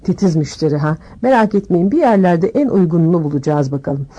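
A woman voicing an eccentric old male wandmaker who talks briskly and insistently, sinking to murmurs. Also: on the low side, expressive, warm tone.

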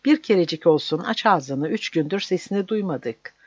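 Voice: medium pitch, animated, moderate pace, dry recording. Teasing soldiers, as a narrator reads them, slightly raised voice, dull dry sound.

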